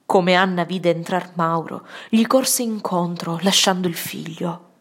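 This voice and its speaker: Slow, gravelly woman narrating. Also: fairly low pitch. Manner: slow and solemn, often sinking to a hushed whisper. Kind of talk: dramatic audiobook narration.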